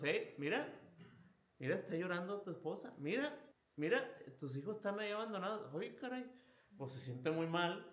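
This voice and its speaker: Priest giving a retreat talk, kinda high voice, acts out voices in his head, echoey room. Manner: animated, acts out inner voices, chuckles at himself.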